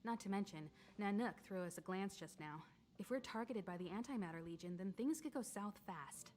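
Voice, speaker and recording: Mature crew leader voiced by a woman, poised, mellow tone, game audio, faint noise. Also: medium pitch, animated, brisk, lightly acted. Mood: composed. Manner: poised, motherly advice.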